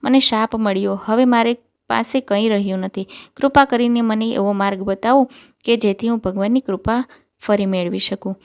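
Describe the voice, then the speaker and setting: Humble, pleading cursed servant man in a devotional storybook, read by a woman, smooth clear tone. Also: a little high, steady tone, moderate pace, highs cut off, close to an everyday voice.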